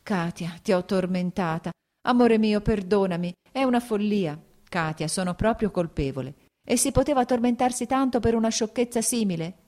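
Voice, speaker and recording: A woman's voice: mid-range voice, normal speed, warm tone, voice pushed up, natural voice. A woman voicing an agitated, jealous young husband in an audiobook, speaking in pleading, broken outbursts. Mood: remorseful.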